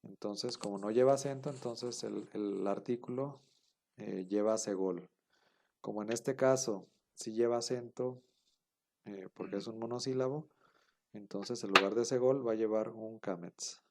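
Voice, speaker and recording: A man's voice: fairly low pitch, unhurried, creaky, darkish tone. A man teaching an online class, explaining patiently step by step and often checking that students follow.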